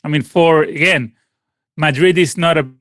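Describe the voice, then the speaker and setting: This is a native Spanish-speaking Venezuelan man in his late forties, a guest musician chatting through a casual interview over a call. He rambles with many restarts and fillers, his voice on the high side and a bit bright, at a moderate pace with no room sound.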